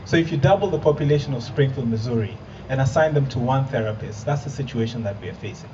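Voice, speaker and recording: Brief: Kenyan-born man, thirties, earnest stage talk, mid-pitched, heard from a distance on a muffled hall recording with faint noise. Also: fast talker, mellow. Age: 30s. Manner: earnest storytelling with light humor and fillers. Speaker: presenter. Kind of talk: live stage presentation. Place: event hall with audience.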